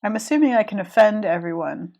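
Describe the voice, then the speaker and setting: A woman's voice: medium pitch, expressive, fairly quick, darkish tone. A woman with a cold, chatting casually and rambling with restarts while she draws on a live stream. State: has a cold. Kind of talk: casual chat while drawing.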